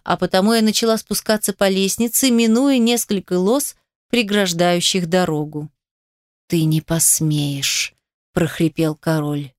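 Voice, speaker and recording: Woman narrator, audiobook, smooth clear voice, dry close mic. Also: mid-range voice, a little mellow, no echo. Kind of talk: audiobook narration in first person.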